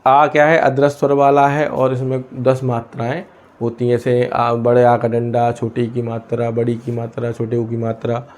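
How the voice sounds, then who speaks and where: A man teaching a lesson from India, pausing often and asking questions he then answers himself. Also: mid-range voice, monotone, a little mellow. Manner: asks and answers his own questions, many hesitations. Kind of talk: explaining a lesson.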